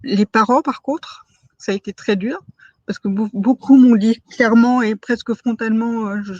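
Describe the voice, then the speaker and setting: A woman in her forties, with a slightly high, fairly even voice at a moderate pace and a little mellow, gives a personal testimony in an interview. She's hesitant, full of fillers and restarts, stressing certain words as if in quotes. The recording is dry and dull.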